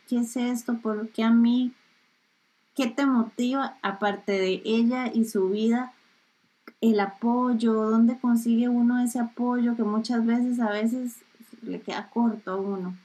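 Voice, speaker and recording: A woman podcast host interviewing a mother, speaking gently and affirming with frequent backchannel sounds. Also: a little high, steady tone, unhurried, slightly rough, rough recording. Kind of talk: conversational interview.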